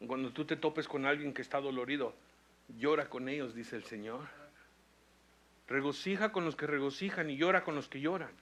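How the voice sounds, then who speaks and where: A man's voice: medium pitch, fairly bright tone. A man preaching a sermon as pastor, reading scripture and telling a hospital story, building to intense emphatic peaks. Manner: preaching with rising intensity and slow emphatic phrases.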